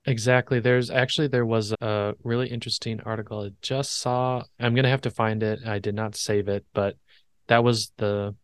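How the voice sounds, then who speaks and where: A man's voice: fairly low pitch, little pitch movement, moderate pace, smooth, no echo. A man hosting a podcast, talking things through in a thoughtful, rambling way with frequent restarts. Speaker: podcast host. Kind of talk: casual interview chat.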